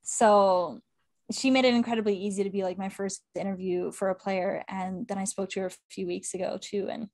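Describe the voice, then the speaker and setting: A young woman from Canada, talking in a casual interview. She is chatty and enthusiastic, piling on fillers and breaking into quick laughs. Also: medium pitch, fairly even intonation, darkish tone. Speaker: guest, women's football correspondent.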